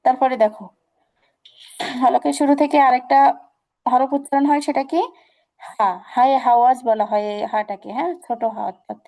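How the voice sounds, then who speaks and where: A woman. She goes slowly, repeating each example and quizzing her students. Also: high-pitched, steady tone, warm tone. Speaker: Quran recitation teacher. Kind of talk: online class instruction.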